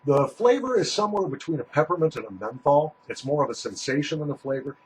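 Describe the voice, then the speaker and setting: A man chats through a casual review with a very lively, swinging pitch. He talks with a small pouch tucked in his lip, in a folksy, rambling way. Steady background noise sits behind his voice. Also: quick pace, poor audio. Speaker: product reviewer.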